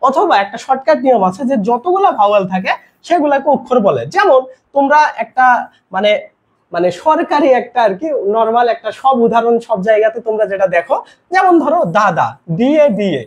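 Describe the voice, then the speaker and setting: Lively teacher quizzing students. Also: mid-range voice, fairly quick, dull audio. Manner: asks quiz questions and answers them; casual, mixes in English words. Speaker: grammar teacher. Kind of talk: live online class lecture.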